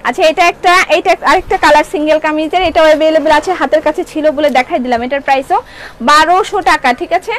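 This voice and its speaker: A woman's voice: high voice, a little fast, rough recording. A woman from Bangladesh who owns a clothing shop, selling live from her showroom and chatting with viewers while repeating prices again and again. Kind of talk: live product selling, reading viewer comments.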